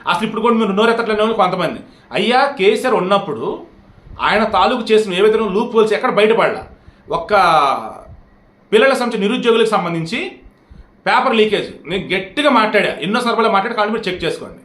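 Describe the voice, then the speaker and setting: A man's voice: high-pitched, lively intonation, fast talker, a bit bright. A man giving heated, scolding political commentary straight to his audience, firing rhetorical questions. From India. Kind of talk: direct-to-camera political commentary. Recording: roomy echo.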